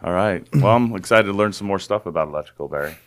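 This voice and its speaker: A man's voice: low voice, fast. A man hosting a podcast in easy casual chat, his voice still groggy from the early morning. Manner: relaxed, chatty, bit groggy. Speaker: podcast host.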